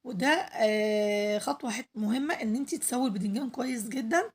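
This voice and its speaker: A woman with an Egyptian Arabic accent, hoarse from losing her voice, chatting to viewers as she cooks on her home cooking vlog. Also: on the high side, fast, a little mellow. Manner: chatty, addresses viewers directly, pleads for likes. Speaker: cooking channel host.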